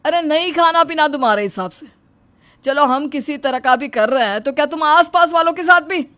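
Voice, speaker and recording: A woman's voice: high voice, animated, a bit bright, no echo. A woman voicing a grown son who scolds his wife and praises his mother's cooking. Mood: scolding. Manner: scolding, quick complaints. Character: grown son, exasperated young husband.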